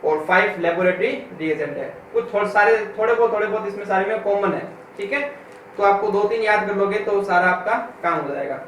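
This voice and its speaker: A man's voice: sits high, fairly bright tone. Male chemistry teacher in an echoey room. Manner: asks the class questions and answers them himself, slowly repeating key terms; reads English textbook lines slowly, word by word. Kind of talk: classroom lecture. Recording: echoey room from far off, with faint noise.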